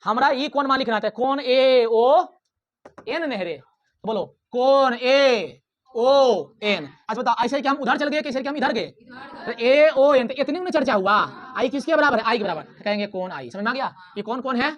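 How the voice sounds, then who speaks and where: A male teacher, teaching a physics lesson in a classroom. He talks loudly and quizzes the class, then answers his own questions. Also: extremely high pitch, fast, dull audio. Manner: loud, drilling, asks the class questions and answers himself. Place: classroom with students.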